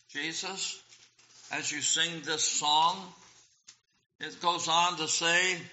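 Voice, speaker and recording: Slow, deliberate male preacher in a roomy church. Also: fairly high pitch, pushed and bright. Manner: slow, deliberate delivery, quoting hymns and scripture. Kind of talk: sermon on hymn lyrics. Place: church sanctuary. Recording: roomy, dull lo-fi church recording.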